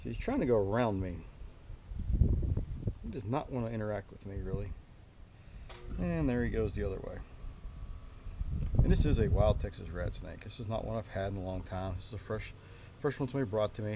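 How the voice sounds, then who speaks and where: A man giving a relaxed outdoor snake demonstration on a handheld camera, explaining and asking the viewer questions. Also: fairly low pitch, a little fast, pauses often, noisy background. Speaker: snake educator. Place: outdoors near a trailer. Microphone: handheld camera mic.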